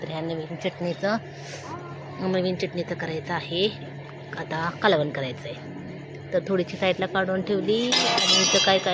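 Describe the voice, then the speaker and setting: A woman's voice: fairly low pitch, background noise. A woman in her thirties from Maharashtra, chatting casually to the camera as a vlogger at a village home in the evening, talking to her viewers and family as she goes. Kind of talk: casual vlog chat. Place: outdoors at a village home by a wood stove, evening.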